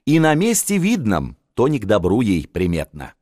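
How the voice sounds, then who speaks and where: A man's voice: on the low side, wildly swooping pitch, normal speed, a little mellow, no echo, studio quality. A man reading an audiobook, voicing a tipsy, mocking young tsarevna in a raised, playful voice. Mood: teasing. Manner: teasing, playful.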